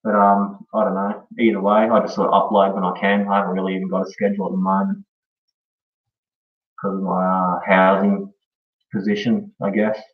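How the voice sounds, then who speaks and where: A man's voice: deep voice, little pitch movement, a little fast. An Australian man chatting casually on a live stream in a laid-back, slangy way, often tagging sentences with "eh" and "bro". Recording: dull echoey room, far from mic.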